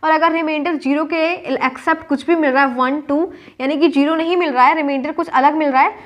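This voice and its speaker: A woman's voice: high-pitched, steady tone, a little fast, fairly bright tone, muffled recording. A young woman teaching a math lesson step by step, checking in often with her students and mixing English terms into her sentences. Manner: explains step by step, repeats checks with "ठीक है", mixes English terms into Hindi. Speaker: maths teacher.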